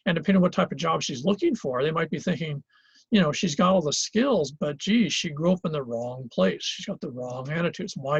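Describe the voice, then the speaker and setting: Conversational male lecturer, husky voice. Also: on the high side, no echo, dull audio. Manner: conversational, thinks aloud with many fillers and restarts. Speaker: college geography lecturer. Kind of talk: classroom lecture with discussion. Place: classroom in Hawaii.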